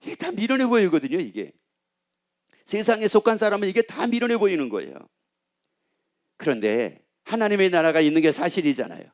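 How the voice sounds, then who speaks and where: A man's voice: high voice, darkish tone. A male pastor preaching a sermon, asking rhetorical questions and repeating phrases for emphasis.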